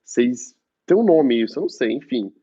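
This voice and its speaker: A man's voice: medium pitch, big pitch swings, dark tone, slightly rough, no room sound. Brazilian guy on a phone live, chatty and stop-start, muffled lo-fi audio. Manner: chatty, halting, full of restarts. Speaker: actor. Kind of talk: casual live-stream chat.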